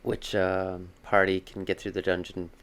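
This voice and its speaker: A man's voice: sits low, monotone, normal speed, fairly bright tone. Chatty male podcast host. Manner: rambling, chatty, with frequent fillers. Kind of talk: casual chat.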